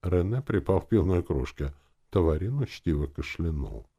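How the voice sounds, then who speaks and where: A man narrating a first-person fantasy audiobook in a lively, expressive way. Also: low voice, moderate pace, breathy edge.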